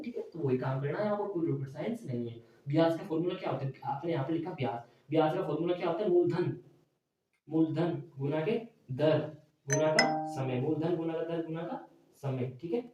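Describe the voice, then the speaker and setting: A male math teacher lecturing in a classroom style, asking his students questions and answering them himself, often checking with a quick "okay". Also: fairly high pitch, dark tone, muffled recording. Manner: repeats "theek hai" as a check. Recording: very echoey room, mic far away.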